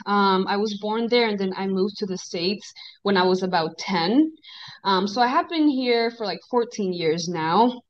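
Relaxed woman in her twenties on a dull video call. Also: mid-range voice, moderate pace. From Dominican Republic. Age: 20s. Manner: friendly, relaxed, frequent "um". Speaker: guest, esthetician. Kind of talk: casual interview chat.

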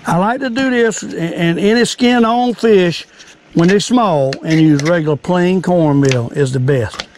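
A man's voice: high voice, a little slow, background noise. An older man with a Southern US accent, talking viewers through a how-to in a folksy old fisherman manner, often repeating his phrases. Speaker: cooking and fishing video host. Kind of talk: casual how-to chat.

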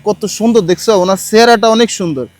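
A man with a Bangladeshi Bengali accent and a high voice speaks softly and coaxingly, repeating each request with patience. The sound is dry and close. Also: lively intonation, quick pace, dry recording. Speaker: street outreach volunteer. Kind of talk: coaxing street talk. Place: outdoors on a city street.

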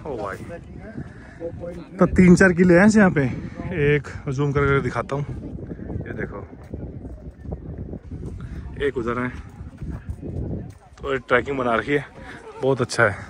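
A man's voice: mid-range voice, takes it slowly, pauses often, noisy background. A man vlogging outdoors at a hilltop fort, joking and chatting with passersby. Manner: excitable, joking, calls out to strangers. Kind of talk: casual vlog chat with passersby.

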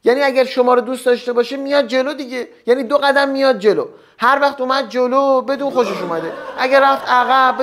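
Brief: young man, comedy host, voice sits very high, teasing jokey monologue patter. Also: fairly bright tone. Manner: joking, teasing banter with quick asides. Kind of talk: satirical stand-up monologue.

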